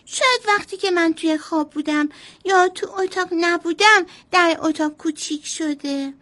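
A woman voicing a curious, earnest little boy in a bedtime storybook tale, talking in quick, high, childlike chatter. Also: bright, forceful tone.

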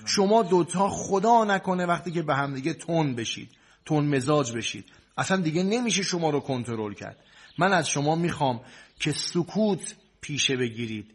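A man with a fairly high voice plays a cleric counselor. He lectures a couple in a preachy, soothing tone and stacks his advice in repetitive lists. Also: expressive. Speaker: cleric marriage counselor in a sketch. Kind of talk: comic sketch, preachy advice.

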